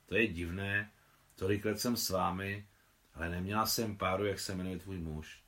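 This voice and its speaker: A man's voice: sits low, fairly even intonation, sharp tone. A man voicing a young Russian woman, an admiral's daughter, in an audiobook reading, speaking in short, blunt remarks.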